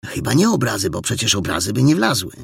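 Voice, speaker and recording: A man voicing a small, freckled, eager boy sleuth who talks in excitable, breathless bursts. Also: lowish voice, quick pace, vocal fry, breathy edge, no echo, clean studio sound, heavily acted. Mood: wistful.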